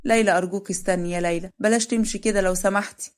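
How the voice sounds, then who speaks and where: A woman's voice: medium pitch, steady tone, very fast, natural voice. A woman voicing a grieving mother with an Egyptian accent, tearful and pleading. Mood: desperate.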